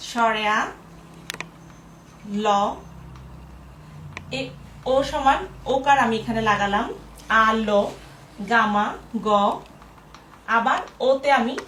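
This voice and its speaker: A woman teaching a language lesson at a board, spelling words out slowly syllable by syllable. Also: a little high, a bit bright, a little hiss or hum. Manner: slow, syllable-by-syllable explaining. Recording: echoey room, voice from a distance.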